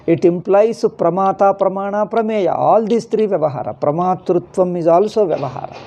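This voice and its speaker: A man's voice: high voice, creaky, mellow. A man with a South Indian accent, a native Kannada speaker, giving an informal scriptural lecture, repeating key phrases and answering his own questions.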